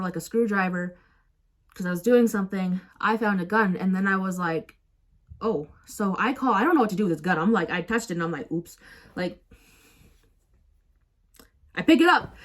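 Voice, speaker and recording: A young adult woman telling a story in a casual vlog, rambling and self-mocking, with lots of fillers. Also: mid-range voice. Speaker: vlogger.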